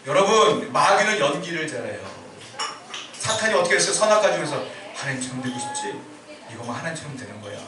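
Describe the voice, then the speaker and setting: A man preaching a sermon as pastor, asking his congregation questions and answering them himself. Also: high-pitched. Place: church sanctuary. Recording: echoey church hall, mic far off, faint hiss.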